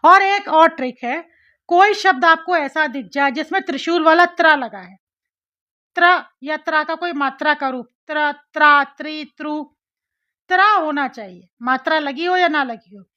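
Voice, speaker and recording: A woman with a bright, forceful, high voice teaches a grammar lesson at normal speed. She explains step by step, repeats syllables, and asks her students questions, captured in slightly dull lo-fi audio.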